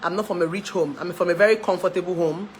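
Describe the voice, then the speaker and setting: A woman's voice: fairly low pitch, steady tone, fast talker, a little hiss or hum, poor audio. A woman in her thirties with a Nigerian accent, a relationship therapist chatting to her followers about her life, laughing often and dropping into pidgin. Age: 30s. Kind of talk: casual chat to camera.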